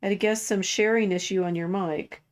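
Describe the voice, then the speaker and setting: Medium in pitch and steady in tone, this woman in her sixties talks at a normal speed as a livestream co-host. The conversation is casual and rambling, with lots of restarts.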